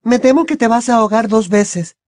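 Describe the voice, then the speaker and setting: A bossy, earnest teenage witch girl speaks in a high, strained voice that's far from the reader's own, voiced by a man. She is insistent and precise, pushing every point hard. It is an audiobook character voice with a dry, close sound. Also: brisk, darkish tone, no echo. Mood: earnest, indignant.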